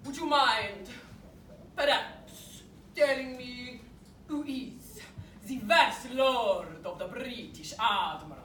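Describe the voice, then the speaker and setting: A woman's voice: a little high, expressive, takes it slowly, slight background noise. A woman playing a pompous, hot-tempered male Spanish don who interrogates prisoners, with a put-on Spanish accent and a theatrical, blustering delivery in a live stage comedy. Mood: scheming. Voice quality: theatrical, blustering, with sudden shouted outbursts. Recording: echoey stage, picked up from far off.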